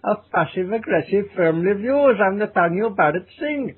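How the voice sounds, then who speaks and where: A man's voice: sits high, animated, moderate pace, slightly rough, pitched above the performer's own voice. A man putting on a comedy Indian accent as an overly polite host, over a phone-like lo-fi recording. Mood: mock formal. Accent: Indian, put on. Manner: florid, over-courteous. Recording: phone-like lo-fi sound.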